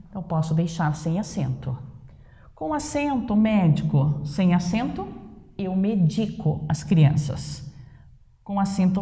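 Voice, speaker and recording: Brazilian woman teacher, slow didactic delivery, gravelly low tone; echoey room. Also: dark tone. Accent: Brazilian Portuguese. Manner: didactic, repeats words slowly and stresses them. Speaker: Portuguese teacher. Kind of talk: online grammar lesson. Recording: echoey room with long reverb.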